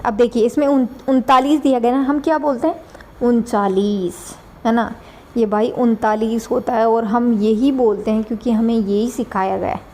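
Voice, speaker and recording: A woman's voice: fairly high pitch, a little fast, a little mellow, slight background noise. Rajasthani-accented woman teaching, chatty. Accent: Rajasthani Hindi (Dhundhari). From Dhundhar region, Rajasthan. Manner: chatty, repeats words, tag questions. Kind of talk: online exam-prep lesson.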